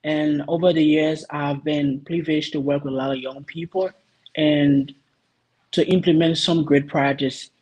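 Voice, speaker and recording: A man from Liberia answering interview questions earnestly, pausing often with ums while he searches for words. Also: a little high, fairly even intonation, darkish tone, breathy edge, low-quality recording. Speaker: guest, youth association vice president.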